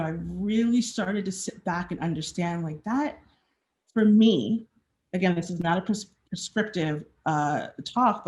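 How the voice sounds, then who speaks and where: A woman giving a conversational presentation at a design meetup. She speaks frankly, with frequent fillers and restarts, and acts out quoted questions along the way. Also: fairly low pitch.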